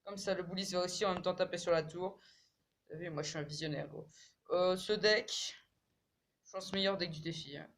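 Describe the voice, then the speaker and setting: A man commentating his own mobile game match in casual French slang, swearing and repeating words when excited. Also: high-pitched, brisk, long pauses.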